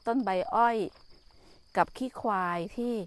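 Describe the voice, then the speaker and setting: Older woman, motherly outdoor teaching. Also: a little slow. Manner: gentle, motherly, speaks to listeners as children. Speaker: Buddhist nun and teacher. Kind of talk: walking talk on nature and mindfulness. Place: outdoors in a garden with trees.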